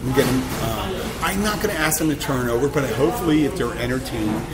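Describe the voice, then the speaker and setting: A man in his fifties hosting a casual chat, animated and joking as he rambles from one story to the next. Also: medium pitch, fast. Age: 50s. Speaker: host. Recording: loud crowd chatter behind.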